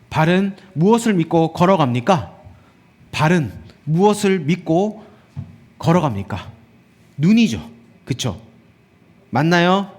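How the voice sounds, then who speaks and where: A man's voice: on the high side, darkish tone. A male pastor preaching a sermon in a church sanctuary, often putting rhetorical questions to the congregation.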